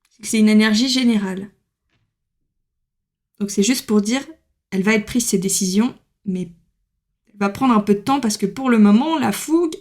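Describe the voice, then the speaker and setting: A woman's voice: mid-range voice, darkish tone. A woman giving a casual tarot reading to camera, chatty, with many fillers and laughs. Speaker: tarot card reader.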